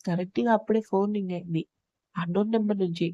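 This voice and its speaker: Woman reading a love story aloud, warm mellow voice, steady, dry close mic. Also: mid-range voice, fast talker, dry recording, highs cut off. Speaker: audio storyteller. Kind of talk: story narration.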